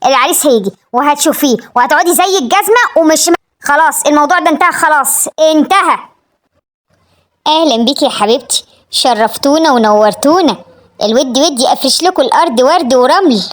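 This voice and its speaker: A woman's voice: high voice, animated, fast. A woman playing an exasperated middle-aged mother with an Egyptian accent who scolds and nags her daughter. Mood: scolding. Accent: Egyptian Arabic. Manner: scolding, nagging.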